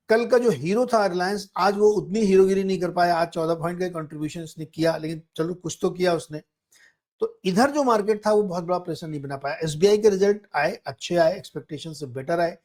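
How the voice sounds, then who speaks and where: Man, market show host, daily commentary, conversational, slightly high voice, walks viewers through charts. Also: darkish tone.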